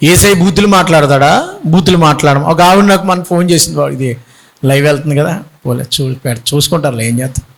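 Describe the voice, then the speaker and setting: Middle-aged male bishop, high-pitched and emphatic, preaching with pointed rhetorical questions. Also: quick pace, gravelly, rough recording. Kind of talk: Telugu sermon.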